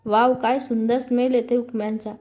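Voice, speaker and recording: A woman's voice: on the high side, level tone, moderate pace, warm tone, lightly acted. A woman voicing a cheeky, mischievous college-age sister in a narrated story.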